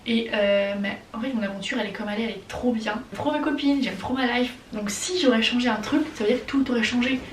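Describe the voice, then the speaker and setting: A young woman from France with a French accent, chatting casually and excitably as she answers viewer questions in a vlog. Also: a little high, quick pace, hardly any pauses, roomy sound, recorded from a distance, slight background noise. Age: young adult. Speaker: vlogger.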